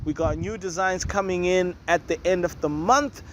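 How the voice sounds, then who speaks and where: A man's voice: high voice, moderate pace. A man hosting a casual commentary show, chatty and opinionated with rambling asides. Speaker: host. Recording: noisy with loud music nearby. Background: neighbours' music and noise.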